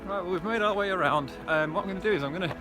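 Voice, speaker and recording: His voice sits high and his speech races as this man, a running vlogger, talks over music. He keeps a casual, encouraging conversation going with viewers on a hillside trail by reservoirs.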